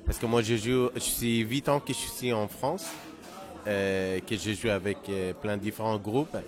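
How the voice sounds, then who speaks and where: Man, from southern Iran, low voice, halting interview talk, crowd noise behind. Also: steady tone. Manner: slow, halting, many fillers. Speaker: percussionist.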